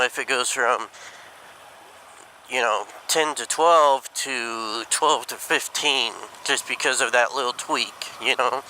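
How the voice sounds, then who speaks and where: A man talking casually and haltingly inside a helmet while riding a motorcycle, thinking aloud like a vlogger. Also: mid-range voice, sharp tone, rough recording. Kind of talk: casual rambling motovlog talk. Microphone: mic inside helmet. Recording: helmet mic, clear road and engine noise.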